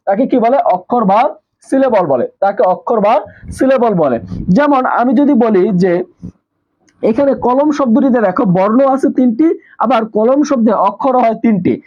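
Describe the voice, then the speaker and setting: Male tutor, high voice, repeats and quizzes, muffled lo-fi audio. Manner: repetitive, asks questions and answers them himself. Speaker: teacher. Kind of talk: live online exam-prep class.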